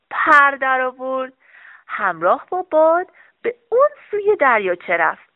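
A woman narrating a children's story with gentle, expressive storytelling. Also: high voice, no room sound. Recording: dry, narrow phone-like sound.

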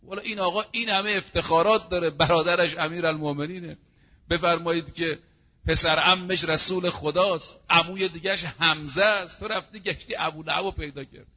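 A man preaching a sermon in an emphatic, rhetorical way, piling up examples in quick runs. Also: on the high side, steady tone, dull audio.

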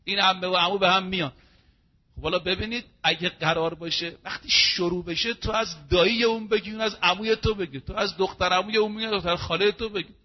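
High-voiced man preaching a sermon. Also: steady tone, dull audio. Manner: emphatic, rhetorical, lists examples in rapid runs.

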